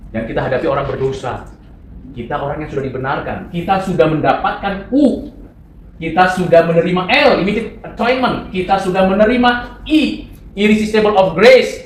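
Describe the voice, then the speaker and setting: A man's voice: sits high, a little hiss or hum. A man from North Sumatra giving a seminary classroom lecture in a conversational way, quizzing his students and dropping in English terms. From North Sumatra, Indonesia.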